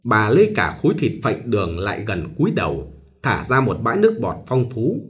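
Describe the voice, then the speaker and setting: A man narrating a novel aloud in an expressive storytelling manner. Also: lowish voice, fairly quick. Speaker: audiobook narrator.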